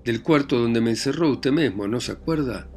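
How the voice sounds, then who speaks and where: A man reading aloud voices a defiant, grieving young country widow who answers with sharp, indignant retorts. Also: medium pitch, animated, normal speed, soft background music, lightly acted.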